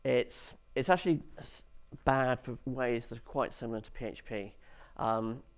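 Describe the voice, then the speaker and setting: A man's voice: mid-range voice, normal speed, clear, resonant tone. A man giving a conference talk to developers, with dry, sarcastic humour and questions to the audience, on stage in a conference hall. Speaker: conference speaker.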